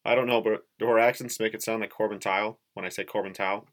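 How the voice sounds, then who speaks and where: Male podcast co-host, Upper Midwest, slightly low voice, jokey and loose. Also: steady tone, fast talker. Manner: joking, laughs at own jokes. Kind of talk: casual sports chat.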